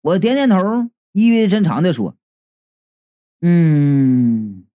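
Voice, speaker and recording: A man's voice: sits high, big pitch swings, normal speed, warm tone. A man narrating a comic story in the first person, wry and playful.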